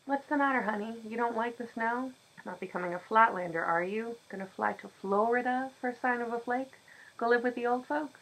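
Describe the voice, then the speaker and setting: Brief: woman doing loud, drawling old farm handyman, teasing, storybook reading. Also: mid-range voice, moderate pace, rough recording. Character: folksy older male farm handyman, teasing.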